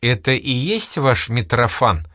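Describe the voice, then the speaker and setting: A man's voice: mid-range voice, sing-song, measured pace, pushed and bright, dry recording, clean studio sound. A man reading aloud, voicing a stern aristocratic official who questions and commands.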